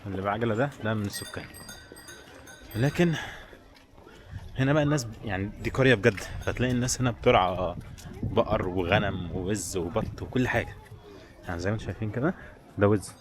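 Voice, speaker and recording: A travel vlogger with an Egyptian Arabic accent chats informally to viewers while walking, mostly outdoors through a tourist village. His voice is on the low side; he talks fast but with long pauses. Crowd noise and people's voices fill the background.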